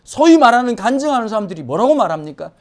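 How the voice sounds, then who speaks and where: A woman pastor preaching a Sunday sermon in a church, swinging from hushed asides to emphatic exclamations. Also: fairly high pitch, very animated, fast talker. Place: church sanctuary.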